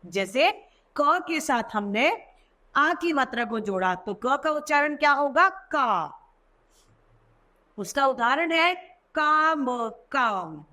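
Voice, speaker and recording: A woman's voice: sits high, animated, unhurried, bright, forceful tone. A woman teacher explaining a children's grammar lesson patiently, repeating each example word twice.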